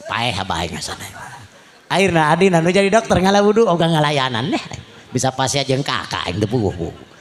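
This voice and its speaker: A man with a Sundanese accent preaching a comic sermon, acting out characters with shouted lines and quiet asides. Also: medium pitch, very animated, fairly quick. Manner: switches between Sundanese and Indonesian.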